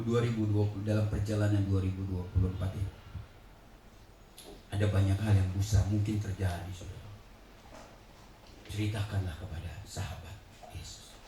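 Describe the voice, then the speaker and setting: An older male pastor preaching a sermon, swinging between hushed low passages and loud, laughing shouts. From Indonesia. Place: large church hall. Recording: echoey hall, distant mic, faint hiss.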